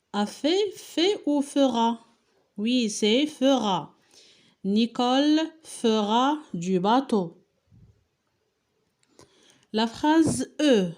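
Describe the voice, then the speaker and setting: A woman's voice: on the high side, darkish tone. A woman with a Moroccan accent, teaching a lesson and correcting a worksheet, asking questions and answering them step by step while spelling out answers.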